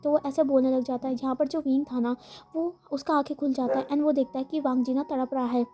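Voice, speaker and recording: Woman storyteller, high flat voice, mellow tone, faint music underneath. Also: brisk. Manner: rambling, frequent fillers, mixes English words into her speech. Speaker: fan fiction storyteller. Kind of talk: casual storytelling narration.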